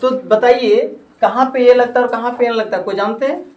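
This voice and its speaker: A man tutors a coaching classroom in English grammar, constantly asking questions and leaving sentences unfinished for students to complete. His voice is extremely high yet darkish, steady and brisk. It is recorded from a distance in a roomy classroom, with students chattering and answering in the background.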